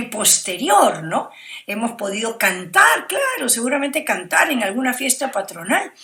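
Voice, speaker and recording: A Peruvian woman with a Peruvian Spanish accent shares her opinions as a guest in an academic interview. Her voice is fairly high and fairly bright, and she speaks reflectively, often using tag questions to check for agreement.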